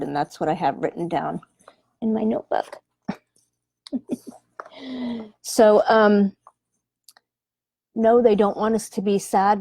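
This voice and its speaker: Gentle woman medium chatting on a livestream, real slow, lots of ums, dry close sound. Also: medium pitch, no room sound. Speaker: animal communicator and medium. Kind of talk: live-stream chat with viewers. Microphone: webcam or phone livestream.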